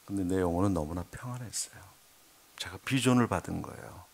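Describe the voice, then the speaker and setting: Speaking low and a little fast, a middle-aged missionary gives a heartfelt testimony sermon in a church sanctuary. His expressive voice is gravelly and slightly rough, falling to hushed murmurs and climbing into loud, emphatic bursts.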